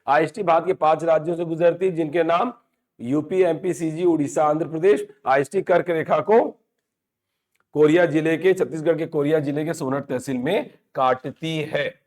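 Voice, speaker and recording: A man's voice: fairly high pitch, steady tone, moderate pace, darkish tone. A male teacher giving a classroom lecture for exam preparation. He asks questions and answers them himself, and repeats the key points.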